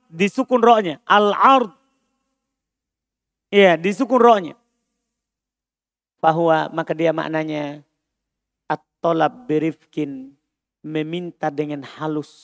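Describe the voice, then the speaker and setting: A man's voice: fairly high pitch, fairly bright tone, no echo. A man leads a mosque grammar lesson. He repeats each term, translates it and checks on his students. The sound is close and dry. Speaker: Islamic religious teacher. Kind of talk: classroom lesson on Arabic grammar. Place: mosque study class.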